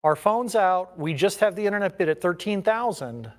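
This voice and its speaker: A man's voice: sits high, lively intonation, moderate pace. A man working as an auctioneer, calling bids in a repetitive chant of numbers and increments.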